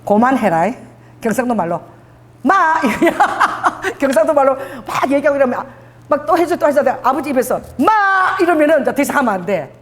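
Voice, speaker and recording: A high-pitched woman preaches to her church in a lively, animated way, breaking into acted quotes and quick asides. Her voice rings out with a long reverb off the hall. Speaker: pastor. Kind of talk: sermon. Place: church sanctuary.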